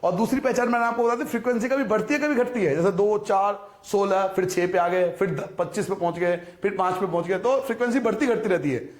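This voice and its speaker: A man's voice: sits high, fast talker, hardly any pauses. A man teaching a maths lesson, patiently repeating each step and asking his students rhetorical questions. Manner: patient, repetitive explaining, addresses students as beta. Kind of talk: recorded classroom lesson. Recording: echoey room.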